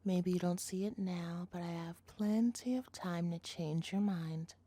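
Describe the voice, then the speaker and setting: A woman speaks a little slowly in a fairly low, warm voice. In the scripted audio roleplay she's an obsessive captor girlfriend who dotes on the listener she addresses directly, her cutesy tone laced with menace and her mood quiet and menacing.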